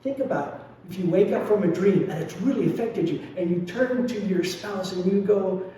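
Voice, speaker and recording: A man's voice: high voice, moderate pace, dark tone, a little hiss or hum. A man giving a dharma talk as a lay Buddhist speaker, reflective and confessional with wry humor. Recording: very echoey hall, mic at a distance.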